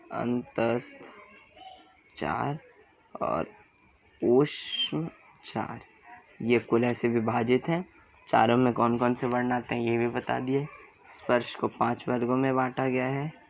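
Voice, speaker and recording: A man teaching Hindi grammar, explaining in a classroom style, asking questions and answering them himself, and repeating sounds slowly. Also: mid-range voice, vocal fry, highs cut off, a little hiss or hum.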